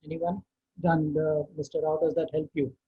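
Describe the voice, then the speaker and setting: Male webinar host, Indian accent, raspy, halting question-and-answer delivery, dry narrow phone-like audio. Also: a little high, level tone. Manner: halting, deliberate, repeats words. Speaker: host of an online market outlook session. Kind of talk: unscripted question-and-answer commentary. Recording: tinny phone-like online call.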